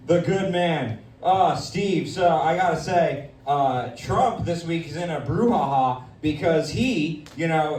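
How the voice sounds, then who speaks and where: Brash, crude male comedy host with a high voice and a mock-pompous swagger, captured live, distant from the mic. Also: darkish tone. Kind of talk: live stand-up roast. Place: comedy stage in a dispensary. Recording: echoey room, mic at a distance.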